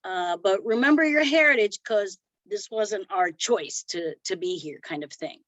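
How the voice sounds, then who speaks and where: A middle-aged Cuban-born woman, appearing as a podcast guest, reflects aloud in a conversational interview, often restarting sentences and using fillers. Her medium-pitched voice is animated and a bit bright at a normal speed, captured dry and dull in lo-fi quality with no room sound.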